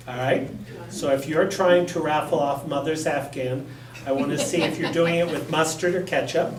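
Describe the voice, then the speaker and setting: A man's voice: mid-range voice, far from the mic, slight background noise. A man giving an informal training talk to a room of volunteers, blunt and joking, with emphatic asides. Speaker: workshop presenter. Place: community center meeting room. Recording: echoey room, picked up from afar.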